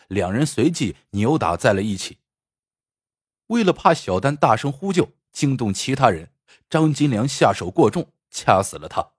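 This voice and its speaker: A man delivers scripted true crime narration in a mid-pitched, somewhat rough-edged voice. His intonation moves widely as he builds the drama like a storyteller. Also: no room sound, clean studio sound. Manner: dramatic storyteller with rhetorical questions.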